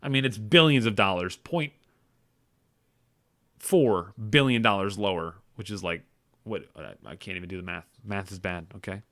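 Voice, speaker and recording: A man's voice: low-pitched, brisk, fairly bright tone. A man hosting a podcast, reading gaming industry figures aloud and breaking off into sarcastic, self-deprecating asides, often stumbling and correcting himself. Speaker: podcast host. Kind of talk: casual news commentary.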